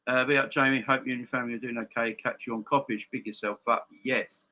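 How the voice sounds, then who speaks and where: A man with a very bright, forceful voice and a slight gap-toothed lisp chats to viewers as a football stream host. He is emphatic and often repeats a phrase to drive it home. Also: mid-range voice, fairly even intonation, fast talker. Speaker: football fan channel live stream host. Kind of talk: casual live-stream chat and football opinion, addressing viewers.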